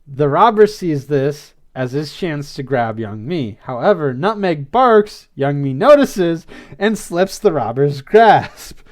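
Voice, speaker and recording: A man's voice: fairly high pitch, sing-song, takes it slowly. A man hosting a podcast, casually recapping a cartoon episode, rambling with frequent filler words and restarts and laughing often. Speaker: podcast host.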